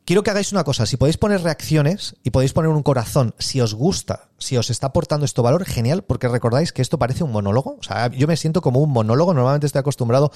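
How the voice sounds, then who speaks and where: A man's voice: mid-range voice, lively intonation, darkish tone, dry recording, clean studio sound. A man giving a live online sales lesson, talking casually to listeners and acting out example sales conversations. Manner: conversational, acts out sales dialogues with pauses. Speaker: sales trainer. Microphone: close microphone.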